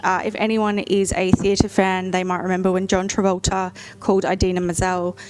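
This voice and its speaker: A person in their late thirties with a feminine-sounding voice, chatting casually at a gaming table with giggles and quick asides. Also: female voice, fairly low pitch, little pitch movement, a little mellow, smooth. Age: 30s. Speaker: artistic director and player. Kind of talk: casual chat.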